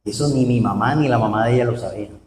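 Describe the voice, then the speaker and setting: A man preaches in a church, lively and pointed, throwing rhetorical questions at the congregation. His voice sits at a middle pitch and comes from some distance off the mic. The hall around him rings with echo. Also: quick pace, a little hiss or hum. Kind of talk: sermon. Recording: roomy hall, voice from far off.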